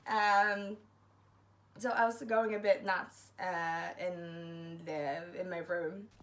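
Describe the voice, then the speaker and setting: A woman's voice: lowish voice, steady tone, slow. Young woman, chatty storytime vlog, self-mocking, acts out quotes. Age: young adult. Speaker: university student vlogger.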